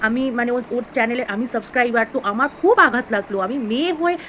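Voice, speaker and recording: A woman's voice: a little high, animated, rapid-fire, a bit bright, slight background noise, poor audio. A woman vlogging straight to camera, earnest and upset, pleading with viewers. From West Bengal, India. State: unwell. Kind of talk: direct-to-camera vlog commentary.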